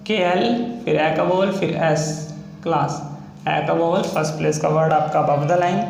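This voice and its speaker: A man teaches a shorthand lesson, slowly spelling out each sound step by step. His voice sits fairly high, and the room gives it a noticeable echo with faint noise behind. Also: fairly even intonation, gravelly, a little mellow. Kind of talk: classroom-style lesson.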